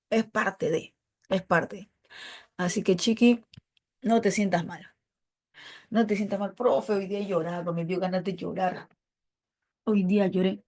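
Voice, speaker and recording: A woman teaching an online prep class, greeting students by name and calling them "chiqui" in a casual, affectionate way. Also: darkish tone. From Peru. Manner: acts out quoted relatives in higher voice.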